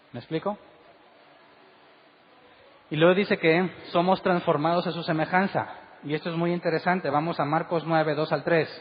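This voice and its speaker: A man's voice: a little high, slight background noise. A man preaching a sermon as pastor, asking the congregation one rhetorical question after another. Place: church hall. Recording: dull recording with long hall reverb.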